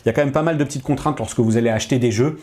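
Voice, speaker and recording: A man hosting a casual tech chat, agreeable and talkative, filling gaps with quick agreement. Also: mid-range voice, dark tone. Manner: chatty, agreeable, frequent ouais. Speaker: tech show host.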